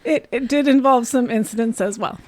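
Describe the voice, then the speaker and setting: High-voiced playful woman co-host. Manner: quick, playful interjections. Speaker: podcast co-host. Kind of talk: casual chat.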